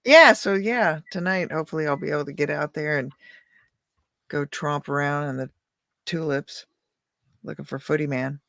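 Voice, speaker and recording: A man's voice: fairly high pitch, moderate pace, creaky, pauses often, fairly bright tone, dry recording, studio quality. A man chatting and telling stories casually in a laid-back stoner manner. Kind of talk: casual chat and storytelling.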